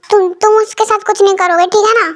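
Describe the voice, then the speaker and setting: A woman's voice: very high voice, little pitch movement, brisk. A woman voicing a feisty young female waiter who talks back sharply and defiantly.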